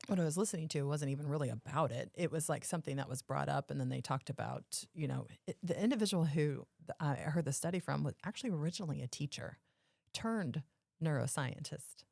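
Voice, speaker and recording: A woman's voice: deep voice, animated, a little fast, gravelly, darkish tone, no echo, clean studio sound. A woman co-hosting a podcast, explaining her points casually and emphatically, often rephrasing them. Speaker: podcast co-host.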